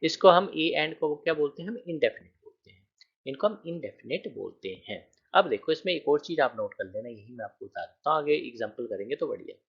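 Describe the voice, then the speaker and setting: A man's voice: fairly high pitch, animated, brisk, vocal fry, husky, dull audio. A man teaching a grammar lecture, explaining with counted examples and often checking that students follow.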